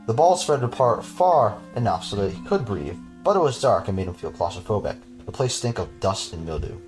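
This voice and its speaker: Man with a lowish voice reading a creepy story for a podcast, casual, stops to joke and laugh. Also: big pitch swings, brisk, a little mellow, soft background music. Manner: casual, chuckling, breaks off to joke with his cohost. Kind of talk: reading a horror story aloud with jokey asides.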